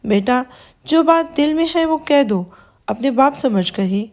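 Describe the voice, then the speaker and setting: A woman voicing a gentle fatherly old uncle. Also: high-pitched, lively intonation. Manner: kind, coaxing.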